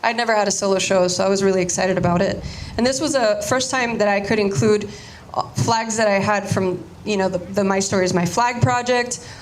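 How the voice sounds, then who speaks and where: A young Cuban-American woman from the United States, whose first language is Spanish, gives a casual talk to an audience about her art. Her middle-pitched voice has fairly even intonation and runs fairly quickly with hardly any pauses, and she often circles back to restart sentences. A faint hiss sits in the background.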